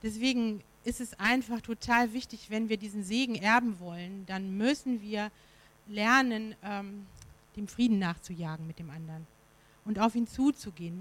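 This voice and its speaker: A woman's voice: mid-range voice, poor audio. Woman preaching a conversational sermon. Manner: conversational, with fillers and rhetorical questions.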